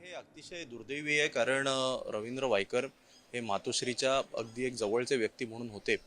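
A man's voice: mid-range voice, normal speed, a bit bright. A man, an opposition politician giving a firm, critical reaction to reporters. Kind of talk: news reaction soundbite.

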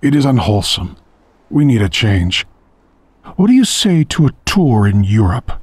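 A man's voice: medium pitch, moderate pace, breathy edge, dry recording. A man doing an unflappable, dry old doctor. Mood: calm. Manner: calm, matter-of-fact.

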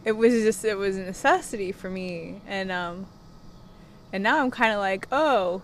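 A medium-pitched woman speaking at normal speed shares a confessional, casual chat with her camera. She's a middle-aged self-help vlogger who gives coaching sessions, sitting outdoors on a wooden deck with clear background sounds from outside.

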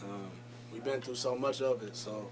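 A young man, a college running back, giving short, measured answers at a post-game press conference through a table microphone. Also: mid-range voice, steady tone, soft background music. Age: young adult. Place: press conference room, indoors. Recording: noticeable background noise.

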